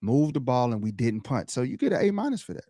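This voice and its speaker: A man co-hosting a podcast, talking sports in a casual, animated way, laughing and mimicking the crowd. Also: medium pitch, quick pace, no room sound, clean studio sound. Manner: animated, laughs often, loud shouted impressions of the crowd. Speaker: podcast co-host.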